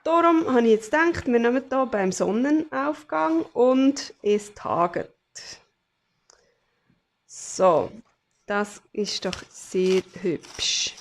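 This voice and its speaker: A woman from Switzerland with a Swiss German accent hosts her own crafting channel. Her voice sits a little high, and she chats loosely with plenty of hesitations while she holds things up to the camera. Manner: chatty, with many fillers, showing things to camera. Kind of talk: casual crafting vlog.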